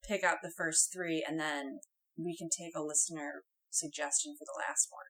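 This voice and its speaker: A woman producer sitting in on a casual podcast chat. She speaks in a calm, matter-of-fact way with a slightly low pitch. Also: normal speed, rough recording.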